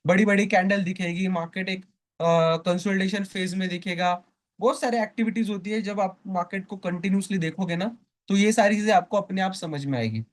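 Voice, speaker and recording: Brisk and high-voiced, a man delivers a live online class on trading stocks. He asks the group questions, fills in the answers himself, and checks often that they're following.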